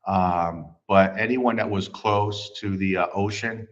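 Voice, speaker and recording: Middle-aged male host, deep voice, easygoing filler-heavy livestream talk, slightly muffled sound. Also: steady tone, unhurried. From United States. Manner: rambling, many fillers and restarts. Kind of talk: casual livestream chat, reading viewer comments. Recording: slightly dull livestream audio.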